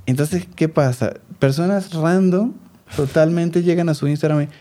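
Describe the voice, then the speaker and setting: A man in his thirties with a Venezuelan accent, co-hosting a casual chat and telling stories with lively acted-out quotes. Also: a little high, moderate pace. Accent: Venezuelan Spanish. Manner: animated storytelling, acts out quoted voices. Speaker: podcast co-host.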